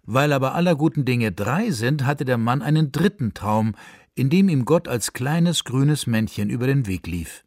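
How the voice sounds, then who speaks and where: A man narrating a story for radio in a measured, expressive way, recorded in a studio. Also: mid-range voice, no room sound.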